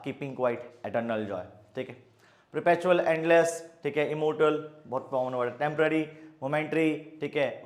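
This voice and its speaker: A man teaching a lively online vocabulary lesson, mixing Hindi and English, with playful jokey asides and a steady "okay" between words. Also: fairly high pitch, echoey room. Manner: lively, mixes Hindi and English, repeats "ठीक है" often.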